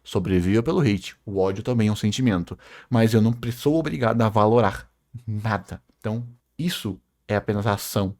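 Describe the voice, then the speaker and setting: A man's voice: fairly low pitch, a little fast, a little mellow. A man reacting to a video in a heated critical rant, sarcastic and emphatic, with lots of swearing.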